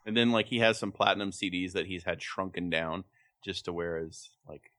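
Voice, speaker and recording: Low-voiced man spinning deadpan bits. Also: fairly quick, no echo. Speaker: podcast co-host. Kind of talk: casual comedic chat.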